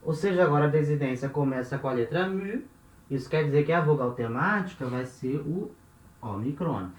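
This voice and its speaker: A man's voice: on the high side, expressive, normal speed, reverberant, poor audio. A man teaching a language lesson, explaining step by step and often checking in with his listeners.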